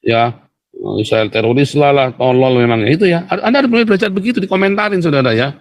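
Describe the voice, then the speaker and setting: A man's voice: on the high side, expressive, quick pace. A man hosting a livestream, talking straight to his viewers in a mocking, provocative way and laughing scornfully. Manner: mocking, provocative, keeps addressing viewers directly. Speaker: livestream host. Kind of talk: livestream commentary.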